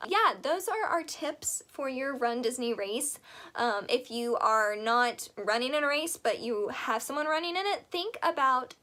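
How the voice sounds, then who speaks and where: A woman's voice: sits high, expressive, unhurried, pushed and bright. A young woman hosting a casual advice vlog, chatty and enthusiastic, rambling into asides, her voice a bit worn as she says she is losing it. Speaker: vlog host.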